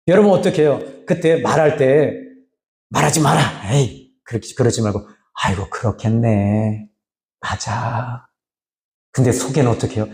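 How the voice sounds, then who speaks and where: A middle-aged male pastor gives an animated sermon in a church sanctuary. His voice sits somewhat high and climbs further when he speaks God's promises, then falls to quiet low remarks. The sound rings in a roomy, echoey hall. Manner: animated preaching, voices God's words in a rising pitch, sometimes drops to a low aside.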